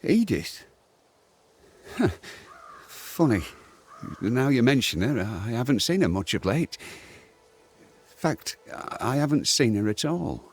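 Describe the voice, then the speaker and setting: Rustic male farmer for a video game: plaintive, colloquial, husky, unhurried, worried. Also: medium pitch, very animated, full character voice. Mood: wary, bewildered.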